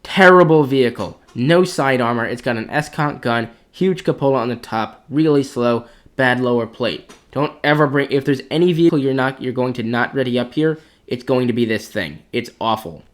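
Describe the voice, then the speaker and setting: With hardly any pauses, a clan commander talks at a moderate pace in a medium-pitched voice, ranking tanks for competitive play. He shares blunt opinions and thinks aloud in casual gaming commentary.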